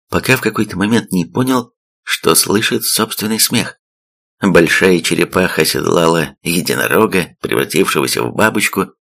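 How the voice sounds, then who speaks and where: A man reads a scripted story aloud in a low voice. His tone is gravelly and full of fry, and the telling stays steady and even. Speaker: audiobook narrator.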